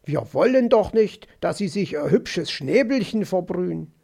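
A man doing a smug, fussing fox gentleman. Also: sits high, lively intonation, a little slow, gravelly, slightly rough, heavily acted. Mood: soothing. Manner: soothing, patronizing and persistent. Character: smug, overly solicitous male fox. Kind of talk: audiobook character voice.

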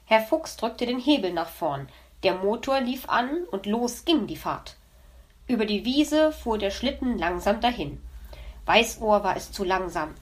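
A woman narrating a children's animal story, reading in a lively way and voicing the characters. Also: medium pitch, a little slow.

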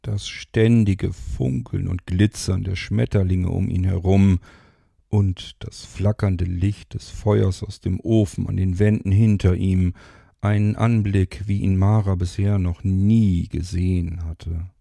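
A man reads a bedtime story aloud at an unhurried, very slow pace. His voice is low, dark and gravelly. The recording is dry and close. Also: level tone, dry recording. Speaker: narrator. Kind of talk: storybook reading.

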